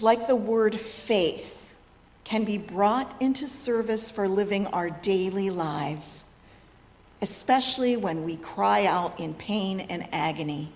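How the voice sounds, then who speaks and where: A woman giving a sermon at a fellowship service in a slow, reflective way. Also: mid-range voice. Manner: slow, reflective, rising to loud braying calls. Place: fellowship hall. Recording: long reverb of a hall.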